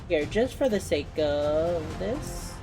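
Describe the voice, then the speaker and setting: A woman's voice: on the low side, animated, slow pace, music in the background. A woman casually running a tabletop game as game master, explaining things in an accommodating way.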